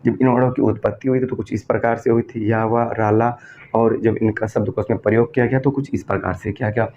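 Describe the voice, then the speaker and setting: A man's voice: on the low side, fairly even intonation, fast, darkish tone. A man teaching an exam-prep grammar lesson, asking questions and answering them himself and repeating key terms. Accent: Hindi, from northern India. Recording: dull lo-fi recording with faint background noise.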